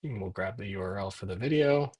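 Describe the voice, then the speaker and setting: A man giving a casual software tutorial, thinking aloud as he works at his computer. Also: lowish voice, expressive, breathy edge. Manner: thinks aloud while typing, dictating prompts in slow pieces. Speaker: software demo presenter. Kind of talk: casual screen-recorded tutorial narration.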